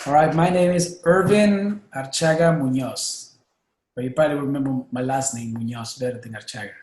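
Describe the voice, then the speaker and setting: A man's voice: medium pitch, moderate pace, darkish tone, a little hiss or hum. A man in his thirties from Honduras with a Honduran Spanish accent, a native Spanish speaker, talking as a guest in a friendly, hesitant way. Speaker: guest, music school director. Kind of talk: casual interview. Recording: echoey room.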